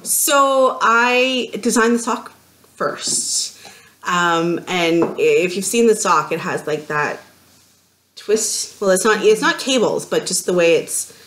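A Canadian woman co-hosts a podcast from her home craft room, speaking into a desk camera. She talks in a lively, joking way, often laughing at herself, with a mid-pitched voice. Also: slow pace. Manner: lively, laughing, self-mocking chatter. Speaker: podcast co-host. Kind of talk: casual podcast chat.

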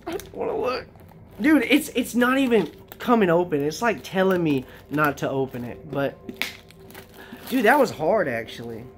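Excitable slangy card-opening vlogger. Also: medium pitch, moderate pace, faint music behind. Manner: excitable, slangy, addresses viewers directly. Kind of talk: casual unboxing chat.

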